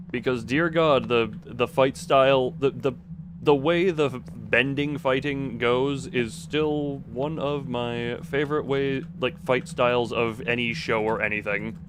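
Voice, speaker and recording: Streaming a game live, a man with a mid-range voice chats casually with viewers amid background noise. His talk is rambling and exclamatory, with sentences often restarted and rephrased.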